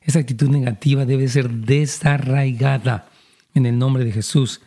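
Male pastor, husky and warm-toned, earnest counseling voice. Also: mid-range voice, steady tone, normal speed. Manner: earnest, preachy, addresses listeners directly.

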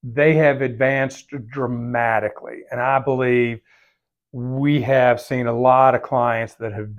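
An older man co-hosting a finance podcast in casual conversation, speaking haltingly and repeating words. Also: mid-range voice. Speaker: podcast co-host and veteran financial advisor.

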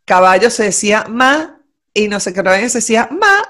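A woman, co-hosting a casual talk show and telling anecdotes in a lively, slangy, teasing way. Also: medium pitch, fairly quick. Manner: animated storyteller, slangy and teasing. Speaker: podcast co-host. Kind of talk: casual chat.

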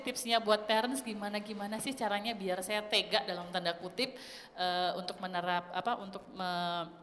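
A woman's voice: mid-range voice, fairly bright tone. A woman hosting a parenting talk show, chatting casually with many fillers. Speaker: host. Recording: long hall reverb.

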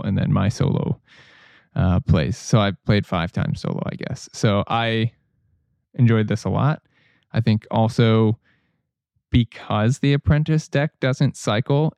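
A man's voice: lowish voice, creaky, no room sound. A man co-hosting a board game podcast, chatting casually and rambling a little with restarts. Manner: relaxed, rambling with restarts and fillers.

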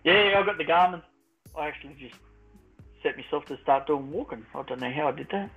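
Casting: Australian male, blokey tradie manner, higher-set voice, casual chat over muffled narrow-band audio. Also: brisk, vocal fry, soft background music.

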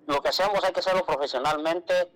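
A man's voice: fairly high pitch, fast talker, poor audio. A man co-hosting a radio show, telling a story in a casual chatty way and quoting others. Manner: storytelling, quotes others, calls co-host "güerita". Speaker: radio co-host.

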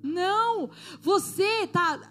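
Female preacher, high pitch, urgent exhorting sermon delivery over faint music. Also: very slow, a bit bright. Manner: exhorting, asks the congregation to respond. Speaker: pastor.

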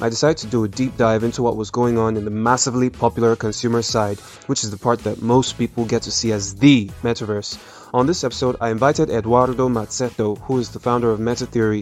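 A man's voice: mid-range voice, fairly even intonation, fairly quick, soft background music. A man hosting a podcast, reading a scripted intro, then introducing his guest with some rambling fillers. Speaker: podcast host.

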